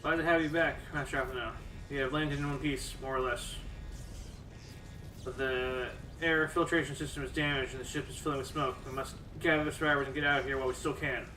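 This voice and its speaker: A man's voice: mid-range voice, steady tone, fairly quick, pushed and bright, a little hiss or hum, lightly acted. Stiff, formal military officer, acted by a man, roomy mic. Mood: grave, brisk. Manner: stiff, formal, old-fashioned diction. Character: formal, grave male imperial military officer reporting under fire. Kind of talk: reading fantasy game dialogue aloud in character. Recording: roomy, distant mic over game music.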